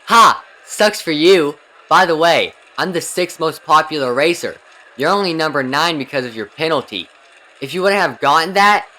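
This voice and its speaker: Man acting an earnest young anime racer, bright voice. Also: fairly high pitch, animated, normal speed, low-quality recording. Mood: excited, teasing. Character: earnest young male horse racer sizing up rivals. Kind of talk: overacted anime fan dub.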